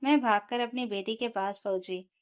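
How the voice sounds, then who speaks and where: A woman's voice: on the high side, moderate pace. Woman narrating an emotional story. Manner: emotional, steady dramatic telling. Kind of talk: scripted first-person story narration.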